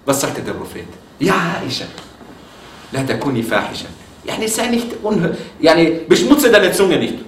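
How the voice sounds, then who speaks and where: Man, religious lecture, fairly high lively voice, distant roomy recording, faint hiss. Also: normal speed. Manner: lively, mixes Arabic quotes into German, asks listeners questions. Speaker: Islamic preacher. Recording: echoey room, from far off, faint noise.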